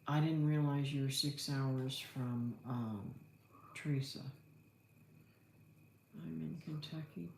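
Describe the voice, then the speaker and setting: Gravelly, low, and a little mellow, this American woman's voice belongs to a middle-aged Florida homesteader chatting on her livestream. She rambles folksily, thinking out loud as she reads and responds to comments. Faint noise and a roomy echo fill the recording.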